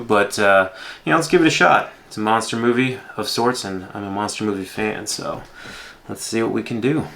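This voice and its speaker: A man's voice: lowish voice, fairly bright tone. A man in his thirties hosting a movie reaction, giving casual, unscripted commentary with rambling asides.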